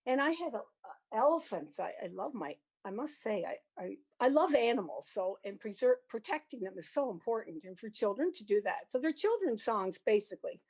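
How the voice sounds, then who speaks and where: Here a guest who teaches music and plays the organ, an older woman from Prince Edward Island with a Canadian accent, looks back casually and animatedly, trailing off into asides. Her voice is a little high and sing-song at a normal speed, with a darkish, husky tone.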